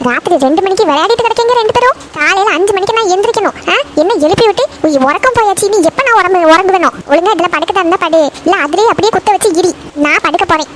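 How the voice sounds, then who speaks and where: A woman's voice: very high voice, fast, few pauses, a little hiss or hum. A woman voicing a tired young mother in a cartoon, who scolds her daughters and soothes her baby. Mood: annoyed. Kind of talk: cartoon voice acting.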